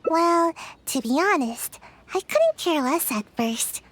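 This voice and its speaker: A woman's voice: very high-pitched, expressive, slow, a bit bright, no room sound, exaggerated voice. A woman voicing a lazy, sleepy young girl ninja in a game, talking in a drowsy, offhand, teasing way. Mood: reflective. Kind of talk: game voice acting.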